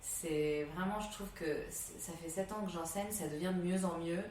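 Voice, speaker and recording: A woman from England, a teacher of English, speaking in a casual and animated way, leaning on repeated words for emphasis. Her voice sits a little low and is picked up from some way off the mic, in a roomy space with a faint hum of ambience behind her. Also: moderate pace, recorded from a distance. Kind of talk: casual podcast interview.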